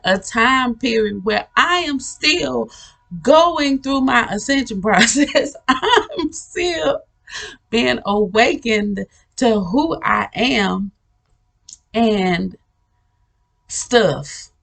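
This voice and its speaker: A woman's voice: fairly high pitch, creaky, fairly bright tone. A woman hosting a spiritual channel, telling about a vision in a casual, rambling way, with many restarts and frequent laughter. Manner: earnest, storytelling.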